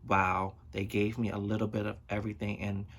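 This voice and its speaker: A man hosting a reaction video, gushing in excited, slangy exclamations as a song plays. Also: on the low side, fast talker, slightly rough. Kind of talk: casual reaction commentary. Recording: song playing loudly behind the voice.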